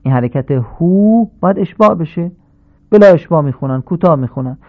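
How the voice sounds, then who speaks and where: A man teaching correct Quran recitation, slowly chanting short Arabic phrases as examples and explaining the mistakes between them. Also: a little high, lively intonation. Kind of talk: radio lesson on recitation. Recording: narrow phone-like band, old radio tape.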